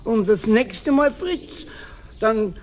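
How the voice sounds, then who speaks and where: An actor playing a gruff but kindly older caretaker with a Bavarian accent, speaking in a folksy, chuckling manner in a 1970s radio play. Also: male voice, high-pitched, animated, slow pace, a little hiss or hum. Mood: kindly stern. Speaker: building caretaker.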